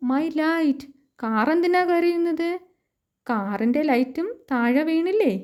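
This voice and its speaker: A woman with a Malayali accent giving a lesson to young children, reading a storybook in a sing-song way and saying the English lines slowly. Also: high voice, darkish tone. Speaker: teacher.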